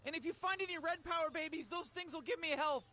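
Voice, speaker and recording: A man's voice: very high voice, fast, bright, forceful tone. An actor playing a jittery, foul-mouthed male alien sidekick in a video game, stammering and swearing in irritation. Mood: irritated.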